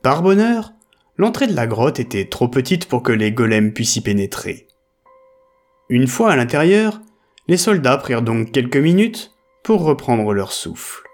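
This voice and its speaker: A man's voice: medium pitch, very animated, a little slow, soft background music. A man narrating a scripted audio story in a dramatic storytelling manner.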